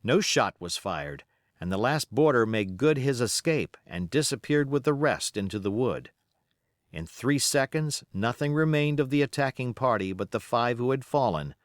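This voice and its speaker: This audiobook of an adventure novel is read by a man at a medium pitch, whose delivery is dramatic, expressive and carefully measured. The studio sound is clean and dry.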